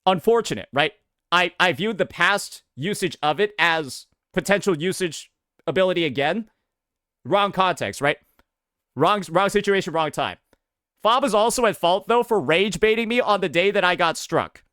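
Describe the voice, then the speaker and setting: Brief: male livestreamer, casual slangy rants, bright forceful higher voice, dry mic. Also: moderate pace, clear, resonant tone, dry recording. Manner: animated, slangy, swears often, says "bro" a lot. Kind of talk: casual stream commentary.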